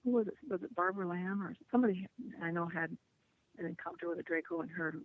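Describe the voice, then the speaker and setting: A woman's voice: on the low side, fast. A woman guest telling a personal story in an earnest, rambling way, with many restarts. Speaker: interview guest. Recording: tinny phone line, dry.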